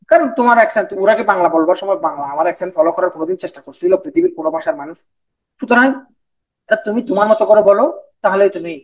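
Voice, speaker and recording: A man's voice: high-pitched, rough recording. A man with a Bangladeshi Bengali accent giving an online lecture as an exam interview coach, often repeating himself and mixing in English. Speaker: BCS viva coach.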